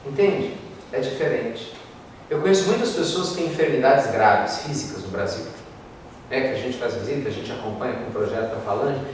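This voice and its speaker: A man from Brazil with a Brazilian Portuguese accent, giving a spiritist talk as a lively storyteller in a large lecture hall. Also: medium pitch, a little fast. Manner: lively storyteller, acts out quoted voices. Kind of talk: spiritist talk with told stories. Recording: echoey hall, distant mic, faint noise.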